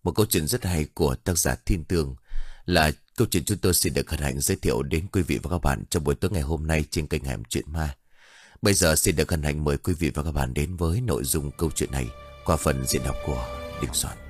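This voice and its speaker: A man's voice: very deep voice, a little fast, breathy edge, no room sound, studio quality, faint music behind. A man narrating a ghost story in a formal, dramatic storytelling manner. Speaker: audiobook narrator.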